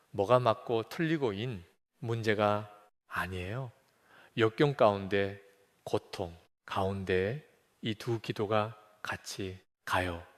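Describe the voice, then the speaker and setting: Man preaching in a reverberant hall. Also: lowish voice. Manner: conversational, asks the audience questions. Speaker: missionary preacher. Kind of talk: sermon.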